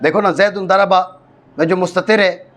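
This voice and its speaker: A man's voice: high-pitched, fairly even intonation, a bit bright. A man from Pakistan, teaching a grammar class, explaining step by step and often checking that his students follow. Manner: explains step by step, repeats points, checks understanding. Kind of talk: classroom lecture on Arabic grammar.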